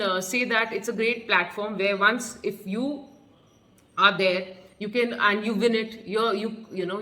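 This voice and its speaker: A pageant coach with an Indian accent and a medium-pitched, slightly bright voice gives an explanatory coaching talk. She is earnest and instructive, repeating points for emphasis, and the recording has a roomy echo.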